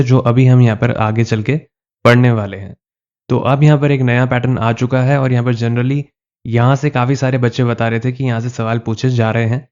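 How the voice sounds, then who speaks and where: A man's voice: medium pitch, warm tone. A man teaching an exam-prep English lesson. He keeps asking questions and answering them himself, and he repeats filler phrases over and over. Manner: repetitive, asks and answers his own questions. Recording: slightly dull, lo-fi audio.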